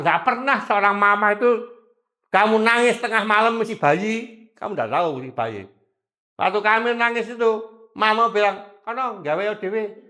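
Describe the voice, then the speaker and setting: A man's voice: high-pitched, pushed and bright. A man preaching a sermon to teenagers, calling out questions for the audience to answer. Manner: calls out to the audience, asks for replies. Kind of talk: lively church sermon to youth.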